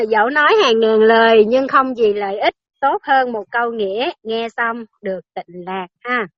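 A woman's voice: on the high side, normal speed, no room sound. A woman delivers a Buddhist dharma talk in a chatty, teasing way. She keeps asking her listeners questions as she teaches. The recording is dry and a little dull.

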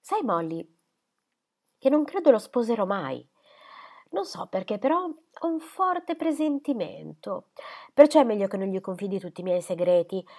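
Woman voicing a coquettish young lady, teasing and airy, lively swooping pitch, audiobook reading.

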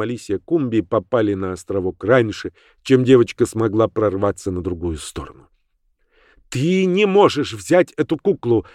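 A man reads a story in a measured, expressive narration. His voice sits at an ordinary middle pitch. The recording is dry and close, with no room around it. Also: no echo. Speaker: audiobook narrator. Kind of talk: scripted narration.

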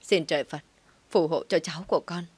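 A frantic, sharp-tongued older grandmother snaps and scolds in a shrill voice, as a woman storyteller puts her on. The voice sits low, and the recording is close and dry. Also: steady tone, fairly quick, husky, no room sound. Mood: praying.

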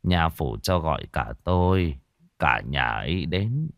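A man's voice: extremely low pitch, animated, takes it slowly, creaky, dry recording, full character voice. A man voicing an anxious, weary old village scholar who talks in a gloomy, sighing way, in a told ghost story. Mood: weary, bitter.

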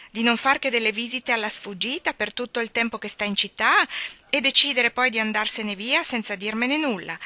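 A woman reading aloud, voicing a stern, proud older aunt who scolds in a sharp, reproachful way. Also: medium pitch, no echo, lightly acted.

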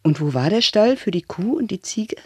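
A man's voice: high-pitched, sing-song, moderate pace, darkish tone, breathy edge, no room sound, voice pushed up, exaggerated voice. A man voicing a small boy who eagerly asks his father questions, in an audiobook reading. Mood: curious.

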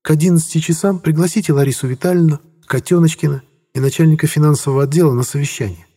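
A man voicing a cool, sharp-tongued businesswoman who speaks coldly and sarcastically. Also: on the high side, fairly even intonation, very fast, breathy edge, pitched above the performer's own voice. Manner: cold, sarcastic.

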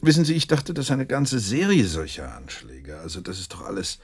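Earnest, husky gentleman doctor. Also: sits low, wildly swooping pitch, normal speed, heavily acted. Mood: hesitant, polite. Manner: earnest, questioning, somewhat flustered. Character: earnest, loyal gentleman doctor, easily astonished. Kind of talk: German radio drama acting.

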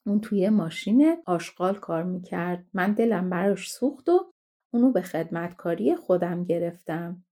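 A woman reading the part of a bold young sea captain in a fairy tale, forceful and indignant. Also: lowish voice, expressive.

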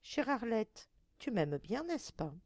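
A woman's voice: fairly high pitch, sing-song, slow, darkish tone, dry recording, exaggerated voice. A coaxing young suitor, voiced by a woman. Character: young man suitor, a disguised monster, smooth and coaxing.

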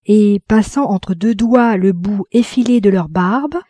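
A woman reading a classic novel aloud in an expressive, measured audiobook narration. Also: mid-range voice, no echo. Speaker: audiobook reader.

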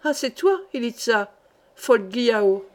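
A woman's voice: fairly high pitch, lively intonation, unhurried, darkish tone. A woman reading aloud voices a fat, brutal male gendarme who barks orders with contempt in a storybook. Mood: scornful. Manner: barking, contemptuous.

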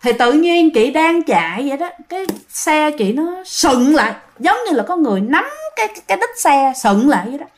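Chatty woman telling ghost stories, high voice that bounces around. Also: big pitch swings, a little fast, slight background noise. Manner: chatty, addresses listeners often. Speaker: ghost story narrator. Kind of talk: storytelling to listeners.

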